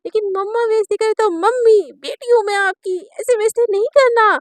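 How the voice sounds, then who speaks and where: A woman's voice: very high-pitched, fairly even intonation, a little fast, dry recording, pitched above the performer's own voice. A woman voicing a middle-aged mother who teases and scolds her daughter. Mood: teasing. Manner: teasing, scolding.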